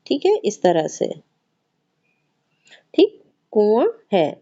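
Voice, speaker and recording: A woman's voice: medium pitch, huge pitch swings, extremely slow, mellow. A woman teaching an exam-prep grammar lesson with a Hindi accent from north India, explaining patiently and repeating words as she checks in with her listeners. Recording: slightly dull, muffled recording.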